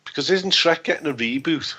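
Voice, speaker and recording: Jokey co-host, animated up-and-down voice, easy podcast banter. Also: male voice, a little high, fairly quick. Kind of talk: casual chat.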